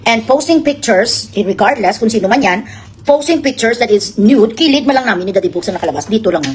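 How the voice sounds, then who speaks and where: A woman's voice: fairly high pitch, animated, a little fast, darkish tone, a little hiss or hum, pitched below the performer's own voice, close to an everyday voice. A woman mocking a haughty woman scammer, speaking in a pompous, put-on posh tone mixed with English.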